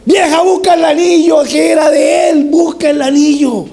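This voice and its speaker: A man puts on a jubilant older father who has just got his lost son back, shouting orders for a feast and calling everyone over. His voice climbs very high and sits dark and mellow in tone, and he hollers rather than speaks. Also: steady tone, moderate pace, creaky.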